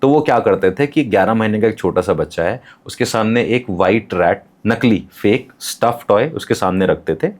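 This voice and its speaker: A man appearing as a podcast guest explains things patiently in a lowish voice, giving examples and using English terms. He is calm and instructive, speaking at a moderate pace with few pauses.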